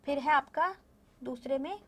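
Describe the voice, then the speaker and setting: A woman with a high voice teaching young children. She patiently repeats each word and spells it out slowly, in the tone of an online class lesson. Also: fairly bright tone.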